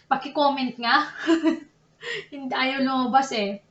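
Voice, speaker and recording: A woman's voice: high-pitched, slow, a bit bright, echoey room, highs cut off, a little hiss or hum. A young Filipina woman, teaching Japanese grammar in a chatty, casual way, often correcting herself and laughing at her slips. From Philippines. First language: Tagalog. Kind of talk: casual online lesson in Tagalog and English.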